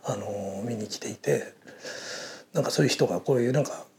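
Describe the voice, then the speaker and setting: A man's voice: mid-range voice, brisk, gravelly, a little mellow. Guy hosting a chat, rambly and full of fillers, faint hiss behind. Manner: rambling, many fillers, thinks aloud. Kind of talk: casual interview chat.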